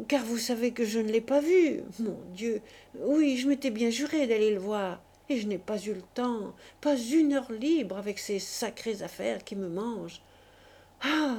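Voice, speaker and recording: A woman voicing an excitable, impulsive imprisoned male financier who speaks in effusive exclamations. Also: a little high, husky.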